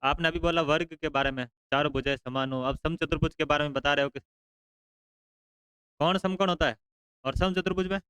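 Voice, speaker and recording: A male teacher, bantering with his class and teasing students into speaking up loudly. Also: fairly high pitch, steady tone, a little fast, pauses often, clean tone, no room sound, poor audio.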